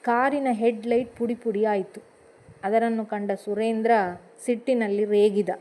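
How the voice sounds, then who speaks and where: A woman narrating her own first-person story in a measured, expressive way. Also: a little high.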